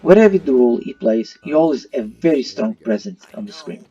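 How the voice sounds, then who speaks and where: A YouTube movie reviewer gives his opinion in voice-over with non-native English phrasing, his mid-range voice dark and husky, brisk, with big pitch swings. The mic sounds muffled and slightly distant, and faint music plays in the background.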